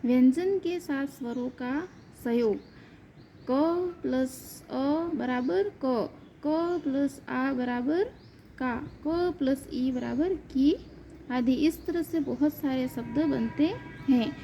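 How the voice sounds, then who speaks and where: A woman school teacher, giving a slow grammar lesson and spelling out letters one by one. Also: high voice, mellow, a little hiss or hum. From India.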